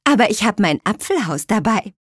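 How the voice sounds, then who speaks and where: A woman voicing a young female apple witch in a storybook reading, speaking high, bright and eager. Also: big pitch swings, a little fast, slightly rough, no room sound, studio quality. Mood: grateful.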